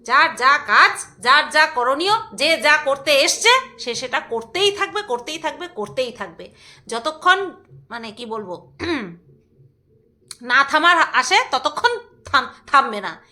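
Bright high-voiced chatty woman vlogger. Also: lively intonation, slow pace. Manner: chatty, rambling, laughs often. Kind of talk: casual chat with snatches of singing.

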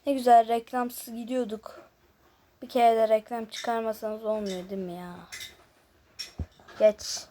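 Hosting a gaming video, a woman casually talks through a guessing game, her fairly high voice showing little pitch movement as she speaks a little slowly and pauses often. She alternates near-whispered muttering with louder chat to viewers, against noticeable background noise with clicking.

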